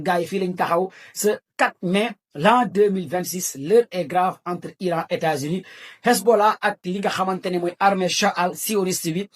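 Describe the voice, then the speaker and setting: A man with a Senegalese accent giving breaking news commentary, repeating key phrases for emphasis. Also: high-pitched.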